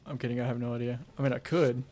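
A man's voice: mid-range voice, flat delivery, racing, darkish tone. A man chatting casually on a game stream. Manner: joking, self-deprecating banter. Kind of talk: casual gaming livestream chat.

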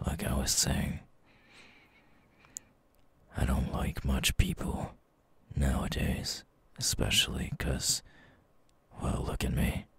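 A man playing a menacing, teasing eyeless night creature in an ASMR roleplay, whispering in a breathy, gravelly, slow and deliberate way. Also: very deep voice, completely flat delivery, fairly bright tone, no room sound, full character voice. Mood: quietly threatening.

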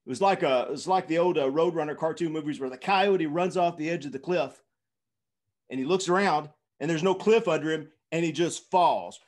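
A man in his fifties tells a dramatic story as a keynote speaker. His voice sits a touch high for a man. He stumbles through fillers and restarts as he builds the tale. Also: fairly quick.

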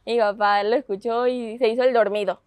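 A pageant contestant in her twenties, speaking with a Mexican Spanish accent, eagerly tells her story in an interview, quoting others and laughing often. Her fairly high voice is brisk, clear and resonant, with no echo.

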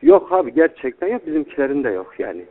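A young man talks casually over a tinny, narrow phone line. His pitch moves around in a lively way, and his manner is deferential, as if answering an older friend. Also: fast. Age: young adult. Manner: deferential, repeatedly addressing the listener as older brother. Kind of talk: informal phone conversation. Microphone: telephone. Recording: tinny, band-limited recorded phone call.

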